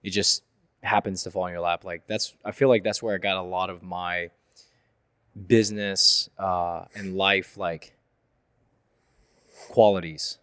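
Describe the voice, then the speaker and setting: A man's voice: low voice, fairly even intonation, a little slow, pauses often, a bit bright, clear, resonant tone, dry recording, clean studio sound. A man hosting a casual interview, laid-back and agreeing often in short replies.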